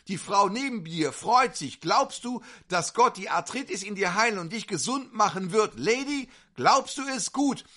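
Man, preacher, faith-healing sermon, high pitch, very lively melody, fervent. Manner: directly questions individual listeners; fervent, insistent.

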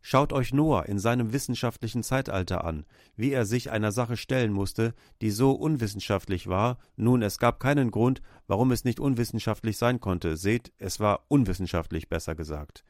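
Male preacher delivering a forceful sermon; low-pitched, dry close recording. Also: normal speed, few pauses, no echo. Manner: emphatic preaching with repeated exclamations.

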